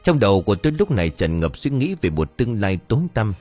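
Guy w narrating a horror story, low husky voice, music under it. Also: very animated, fast. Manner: intense, shouts the characters' lines. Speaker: audiobook narrator. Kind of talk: dramatic horror story reading.

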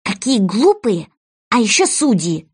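A woman's voice: mid-range voice, sing-song, unhurried, breathy edge, exaggerated voice. A woman voicing a curious, indignant little girl. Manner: hushed and indignant.

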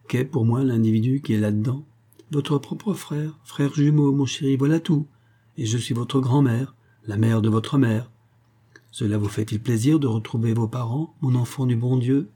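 A man's voice: medium pitch, dark tone, husky, close to an everyday voice. A man reading a storybook aloud, voicing a cunning, spiteful old grandmother who coaxes and wheedles. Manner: wheedling, calls everyone dear.

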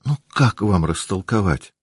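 A man reading an audiobook, voicing a lively, stubborn teenage girl who talks in an excited, teasing, insistent way. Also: low voice, measured pace, breathy edge, no room sound, studio quality, full character voice. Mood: dreamy. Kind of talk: audiobook character voice.

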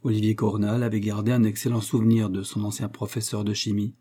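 A man narrating a novel as an audiobook, steady and measured. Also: fairly low pitch, slightly rough. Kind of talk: novel reading.

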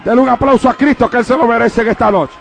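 A man's voice: extremely high pitch, steady tone, fast, gravelly, slight background noise. A male pastor preaching a fervent sermon to a congregation, with repeated refrains and calls of praise. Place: church service before a congregation.

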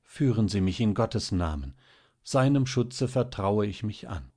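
A man voicing a shy, frightened young woman with a raised, hushed voice, in an audiobook reading. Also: on the low side, lively intonation, unhurried. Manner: timid, hushed.

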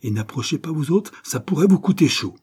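A man reading an audiobook, voicing a bold, fierce young sailor who shouts menacing demands. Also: a little high, animated, fairly quick, slightly rough, pitched above the performer's own voice. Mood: furious threat.

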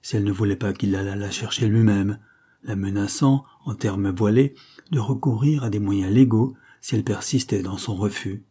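A man narrating a classic novel as an audiobook, with a measured, literary storytelling delivery. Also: on the low side, steady tone, mellow, husky. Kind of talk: scripted narration.

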